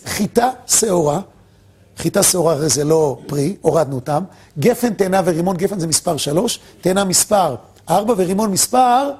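A man giving an animated Torah lesson, questioning his audience and answering himself, swinging between loud peaks and quiet drops. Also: fairly high pitch, breathy edge. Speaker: rabbi teaching Torah.

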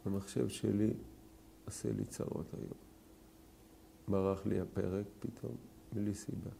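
A man teaching a scripture class, questioning his students and rising to loud, emphatic peaks. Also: fairly low pitch, flat delivery, gravelly, slight background noise. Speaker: Torah teacher.

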